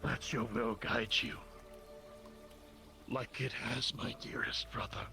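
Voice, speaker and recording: A man playing a grieving, solemn man giving a halting farewell speech in an online role-play, his voice gravelly and breathy. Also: medium pitch, fairly even intonation, heavily acted. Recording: loud music over the voice.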